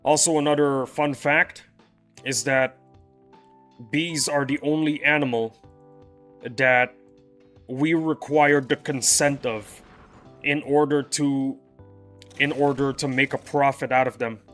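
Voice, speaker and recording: A young male streamer chats with his viewers in a relaxed way, frequently restarting what he says. His medium-pitched voice is steady and fairly bright, moving slowly with long pauses. Faint music plays in the background.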